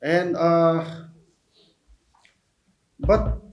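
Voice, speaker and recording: A man's voice: a little high, steady tone, extremely slow, darkish tone. A man giving an emphatic press conference statement, repeating rhetorical questions. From Nagaland, India. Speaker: opposition party politician. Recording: echoey room.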